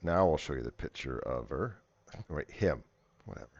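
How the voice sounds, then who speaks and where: A man's voice: rumbling low, animated, moderate pace, husky, no echo, muffled recording. A man acting as game master, casually narrating and working through rules in a tabletop game.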